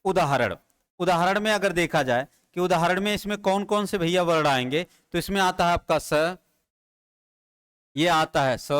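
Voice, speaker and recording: A man's voice: on the high side, a bit bright, clean tone. A man teaching Hindi grammar at a board, asking his students questions and answering them himself in repeated drills. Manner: addresses students familiarly, drilling terms. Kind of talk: classroom lecture at a board. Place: classroom with a board.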